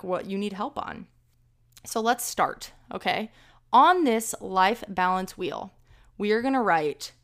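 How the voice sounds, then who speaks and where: Gravelly, chatty young woman podcaster. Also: mid-range voice, a bit bright. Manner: chatty and rambling, self-deprecating asides. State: slightly out of breath. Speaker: podcast host. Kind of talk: casual solo podcast chat.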